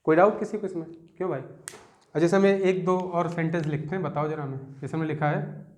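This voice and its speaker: A young man with a Hindi accent teaching a grammar lesson, explaining step by step, asking students questions and reading example sentences out slowly. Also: on the high side, fairly even intonation, a little mellow.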